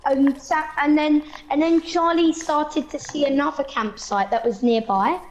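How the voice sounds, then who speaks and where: A woman telling a story casually on a stream, halting and restarting with fillers. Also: high-pitched, highs cut off, slight background noise.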